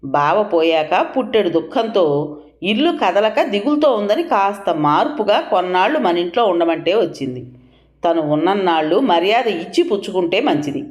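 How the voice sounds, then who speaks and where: A woman's voice: medium pitch, very animated, normal speed, echoey room, voice pushed up, close to an everyday voice. A woman voicing a weary middle-aged husband who answers his wife with patient irritation, in a storybook reading. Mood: exasperated. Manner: irritated, placating.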